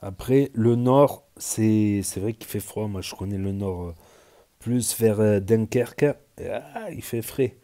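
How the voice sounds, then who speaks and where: A man's voice: on the low side, unhurried, warm tone. A man with a southwestern French accent, rambling casually with frequent hesitations as he comments on social media stories. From southern France.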